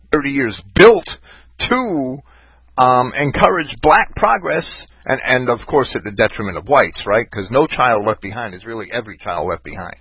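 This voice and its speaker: A man's voice: medium pitch, breathy edge, dry recording. A man hosting a casual call-in talk show, rambling and ranting with many restarts. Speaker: podcast host. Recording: dull lo-fi online voice chat.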